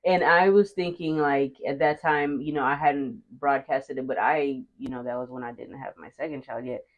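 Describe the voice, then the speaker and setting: A woman's voice: extremely low pitch, steady tone, normal speed. A woman co-hosting a podcast who responds in a supportive, reflective way. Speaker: podcast co-host. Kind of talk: casual chat. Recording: muffled lo-fi audio.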